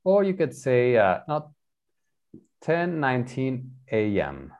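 Male English tutor, patient, lively pitch. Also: slow pace. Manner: patient, switches between English and Spanish, repeats and explains. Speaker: English teacher. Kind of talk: online bilingual English lesson.

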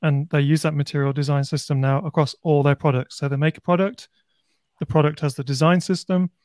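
A man's voice: a little high, steady tone, brisk, a little mellow, no echo, clean studio sound. A man from Birmingham with a light Birmingham accent, talking casually on a panel discussion and thinking aloud. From Birmingham, England. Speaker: podcast panelist.

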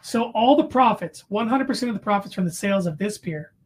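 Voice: medium pitch, animated, a little fast, slight background noise. A podcast co-host chatting casually over beers, rambling through anecdotes and correcting themselves as they go.

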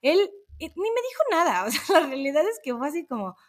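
A Mexican woman in her thirties, co-hosting a podcast in casual chat, supportive and quick to agree. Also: high voice, sing-song. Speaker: podcast co-host.

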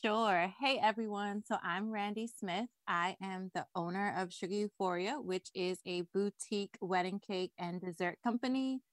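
A woman's voice: medium pitch, fairly even intonation, moderate pace, few pauses, no room sound. A woman from the Bahamas, a wedding cake designer, chatting upbeat as a podcast guest. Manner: upbeat, chatty, frequent laughs and "like".

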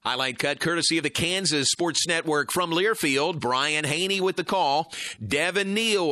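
A man's voice: a little high, sharp tone. A man hosting a sports radio segment, reading scripted news and sponsor copy.

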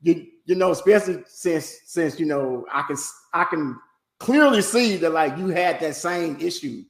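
A man's voice: a little high, animated, normal speed, creaky, echoey room. A man co-hosting a casual online music show, speaking in easygoing slang and often repeating his words. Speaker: co-host. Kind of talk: casual chat.

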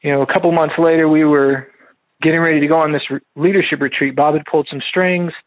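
Man with a fairly high voice sharing his faith story, loose and rambling, heard through a slightly muffled radio recording. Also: fairly even intonation, fast talker, no room sound. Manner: casual, rambling, many fillers and restarts. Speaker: speaker sharing a faith testimony. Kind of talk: personal testimony storytelling.

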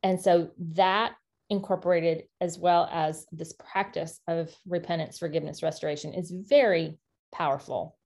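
A woman's voice: fairly low pitch, steady tone, gravelly, a little mellow. Earnest woman co-hosting a parenting chat. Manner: earnest, encouraging, quick asides and restarts. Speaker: podcast co-host. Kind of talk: casual faith-based parenting chat.

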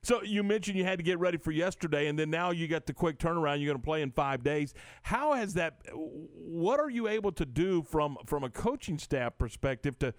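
A man's voice: on the high side, no room sound, clean studio sound. An American man hosting a live sports radio interview, restarting his sentences as he asks questions.

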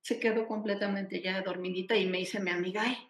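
Woman, mid-pitched, casual storyteller who acts out quoted dialogue, recorded in a roomy, echoey space. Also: brisk. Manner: lively retelling with acted-out quoted dialogue and frequent restarts. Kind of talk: casual spoken storytelling in a live chat. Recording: echoey room.

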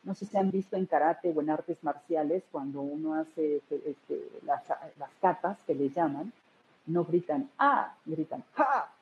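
Woman, deep-ish voice, teaching energy stuff, sounds like a phone line. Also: fairly even intonation, measured pace. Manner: warm-hearted, explanatory, addresses listeners directly. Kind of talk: spiritual wellness talk. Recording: tinny phone-like line with faint hiss.

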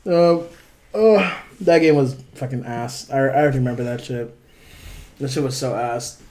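A man's voice: medium pitch, normal speed, a little mellow. Young man, frat bro manner, mid-range voice, slangy, profane, casual podcast chat. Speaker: podcast co-host.

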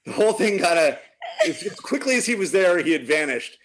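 A man with a slightly high voice spins an animated, chatty anecdote and keeps breaking into laughter. the telling is casual and lively. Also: fairly quick, slight background noise. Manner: animated storyteller, laughs often. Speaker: guest telling a story. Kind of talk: casual chat.

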